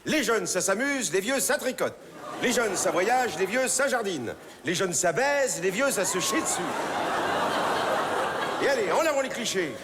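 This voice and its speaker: A teasing, mischievous old vagabond father, proud of his petty thefts. His voice sits fairly high and swoops with lively inflection. It is heard in a reverberant theater hall with faint ambience behind it. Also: normal speed, crowd noise, background noise. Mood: mocking. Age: older. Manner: teasing, playful, theatrical stage delivery. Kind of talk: stage play acting. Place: theater stage.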